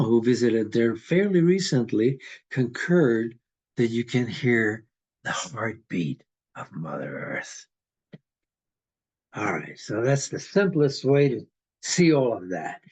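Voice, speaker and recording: A man in his eighties from Hungary, talking in a slow, rambling, philosophical way in casual conversation. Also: medium pitch, expressive, slightly rough, poor audio. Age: 80s.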